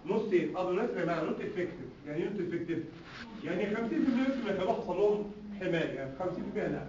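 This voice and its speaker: A man with an Egyptian Arabic accent gives a medical lecture, animated and full of rhetorical questions and joking asides. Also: high-pitched, racing, background noise. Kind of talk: recorded classroom lecture. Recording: distant, echoey, dull lecture-hall recording with faint ambience.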